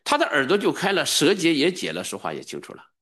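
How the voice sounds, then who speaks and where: Emphatic preaching man, lively swings. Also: quick pace. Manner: emphatic preaching with sudden high-pitched bursts. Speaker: pastor. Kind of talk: sermon.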